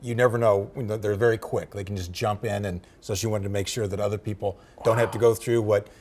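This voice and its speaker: A man in his fifties, a local news reporter, narrating a story and then chatting in the studio in a measured, clear way. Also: on the low side, steady tone, a little mellow, slight background noise.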